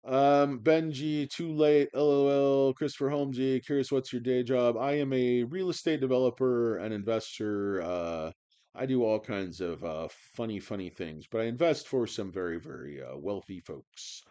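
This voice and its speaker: A man's voice: medium pitch, normal speed, dark tone, clear, resonant tone, lo-fi sound. Profane rambling man in his forties. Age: 40s. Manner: profane, sarcastic, rambling with many fillers. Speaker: stock livestream host. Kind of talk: profane casual livestream rant.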